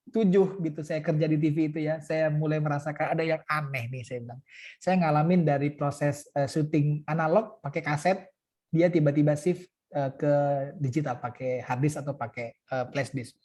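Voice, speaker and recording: A man's voice: fairly high pitch, dark tone. A man speaking as guest in a webinar, casual and joking, with many fillers, over a video call. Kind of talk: webinar talk.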